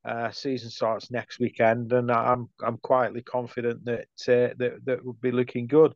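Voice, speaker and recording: A middle-aged man with a Stoke accent chatting casually as an interview guest, speaking haltingly and repeating words, on slightly dull audio. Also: mid-range voice, completely flat delivery, dry recording. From Stoke, England. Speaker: podcast guest, football writer.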